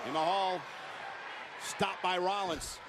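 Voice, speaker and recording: A man works as a wrestling commentator, calling the action live. His voice rides very high, with excitable, emphatic calls in clipped phrases. Heavy arena noise roars behind him. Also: slow pace. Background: loud arena noise.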